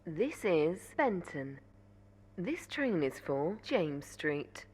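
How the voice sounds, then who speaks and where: A woman's voice giving formal, clipped onboard train station announcements over a loudspeaker. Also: lowish voice, big pitch swings, husky, exaggerated voice. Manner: measured, clipped, formal delivery. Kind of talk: automated transit announcements. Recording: game audio with train noise behind. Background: train running noise.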